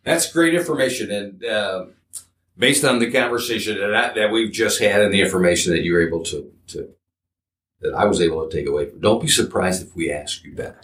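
Male interview host, conversational, low register, recorded a little off-mic in an echoey room. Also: brisk, fairly bright tone, distant mic. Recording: roomy echo, away from mic.

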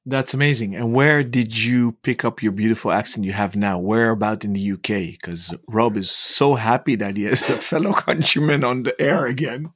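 A man's voice: mid-range voice, moderate pace, few pauses, fairly bright tone, no echo, studio quality. A man hosting a podcast interview, asking questions in a friendly, playful way. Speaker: podcast host.

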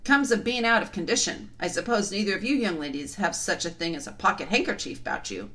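A woman's voice: fairly high pitch, sing-song, fairly quick, bright, forceful tone, voice pushed up. A woman voicing a huge, good-natured, humble male giant who speaks in folksy, common speech. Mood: puffing.

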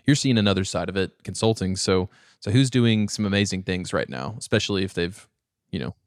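A man co-hosting a casual podcast interview, asking quick, friendly questions. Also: low-pitched, dry recording, studio quality. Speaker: podcast co-host.

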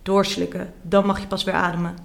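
A woman's voice: on the low side, level tone, brisk, gravelly, reverberant. A woman voicing a stern father who gives curt orders, read aloud from a book. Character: stern father forcing a pill on his child.

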